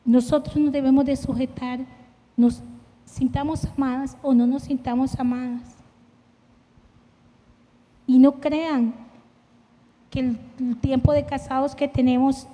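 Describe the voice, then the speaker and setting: Middle-aged woman church leader, warm-toned and earnest, preaching from her own life in a reverberant hall. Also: sits high, flat delivery, normal speed, pauses often. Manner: earnest, personal and emotive, with self-deprecating anecdotes. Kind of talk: sermon. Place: church sanctuary.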